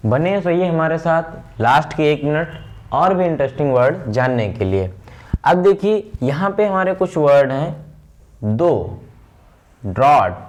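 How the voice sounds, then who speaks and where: Male tutor, lively rising-falling pitch, unhurried drilling delivery, pronunciation lesson. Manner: slow, repetitive drilling of word patterns. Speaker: English teacher.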